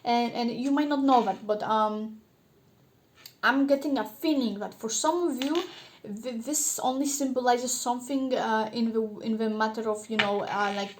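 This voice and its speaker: A woman's voice: a little high, moderate pace, slight background noise. A woman giving a casual tarot reading, rambling with many fillers and restarts. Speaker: tarot reader.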